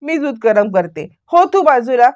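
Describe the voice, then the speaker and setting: A fussy, meddling aunt from a TV serial, quoted by a woman telling the story. She frets and apologises as she talks. The voice is fairly high and dry. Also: sing-song, measured pace, a little mellow, dry recording.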